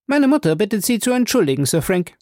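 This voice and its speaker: A man's voice: high voice, very animated, fast, a little mellow, no room sound, clean studio sound, pitched above the performer's own voice. A man voicing a defiant young woman in a detective audiobook, who speaks sharply and emotionally. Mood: cool, sharp.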